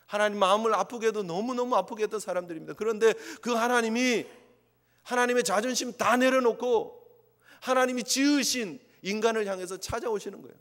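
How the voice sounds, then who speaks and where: A man's voice: high voice, brisk, fairly bright tone. A male pastor preaching an impassioned sermon, sometimes acting out quoted voices. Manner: impassioned, acts out God's voice in quotes. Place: church sanctuary. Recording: long church reverb.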